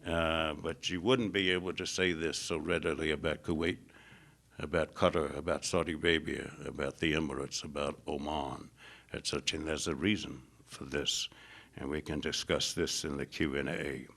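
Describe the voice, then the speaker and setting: A man's voice: fairly even intonation, moderate pace, a bit bright. An American man giving a public lecture on foreign policy, speaking emphatically and stacking up lists, with frequent "uh" fillers. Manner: emphatic, builds lists with rising pitch.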